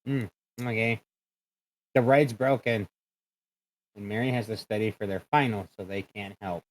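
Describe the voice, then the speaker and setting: A man's voice: on the low side, normal speed, poor audio. A man in casual voice-call chat as a tabletop game player, thinking aloud and correcting himself as he goes.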